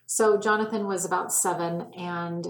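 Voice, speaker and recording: A woman's voice: fairly low pitch, steady tone, normal speed, reverberant, slight background noise, low-quality recording. A woman co-hosting a casual podcast, telling stories and laughing often. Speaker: podcast co-host.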